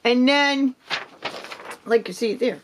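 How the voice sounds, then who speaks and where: A woman's voice: on the high side, takes it slowly, slight background noise. A woman in her fifties chatting casually about her reading in a rambling way, with many ums and restarts. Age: 50s. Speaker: book vlogger. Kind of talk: casual reading wrap-up chat.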